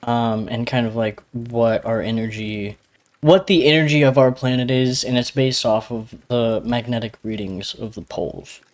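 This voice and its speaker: A man's voice: mid-range voice, fairly even intonation, normal speed. A man co-hosting a podcast, with a slight lisp, explaining things in a rambling, hedging way full of fillers. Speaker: podcast co-host. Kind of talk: casual podcast chat.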